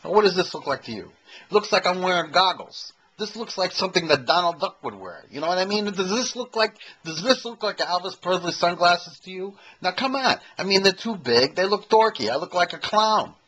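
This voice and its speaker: A man's voice: sits high, very animated, fairly quick, fairly bright tone, slightly rough, low-quality recording. A man in his fifties doing a rambling, self-mocking comedy monologue to a camcorder in his own room. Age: 50s. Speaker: amateur comedian and impersonator. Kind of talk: stand-up comedy monologue to camera. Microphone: handheld camcorder mic.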